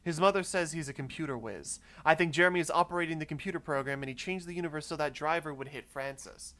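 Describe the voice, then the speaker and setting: A man's voice: a little high, fast, sharp tone. A man reading out a grieving widow's letter in a silly put-on voice. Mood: earnest pleading.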